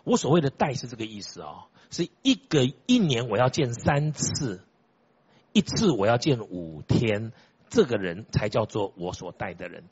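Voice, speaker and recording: An older man delivers a sermon as a church elder, his voice husky and his pitch swinging widely as he tells stories. He hammers points home by repeating phrases and firing rhetorical questions at the listeners. The recording sounds dull and lo-fi. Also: big pitch swings, moderate pace, darkish tone.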